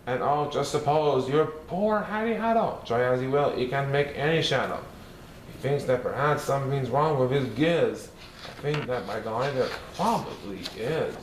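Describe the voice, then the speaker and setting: A man's voice: mid-range voice, lively intonation, normal speed, lightly acted. A man voicing a playful, mischievous male cartoon cat, reading a rhyming storybook in a sing-song, bouncy way. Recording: roomy echo, faint hiss.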